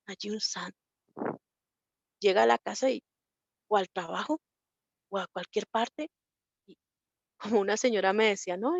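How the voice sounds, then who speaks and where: A woman's voice: mid-range voice, a little mellow, dry recording, dull audio. A woman teaching a Bible class in a conversational way, often repeating herself. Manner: conversational, repeats herself, acts out quoted people.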